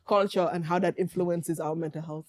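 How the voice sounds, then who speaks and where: A woman hosting a casual talk show, chatty and animated, with a slangy style and frequent laughter. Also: fairly low pitch, normal speed. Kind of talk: casual chat.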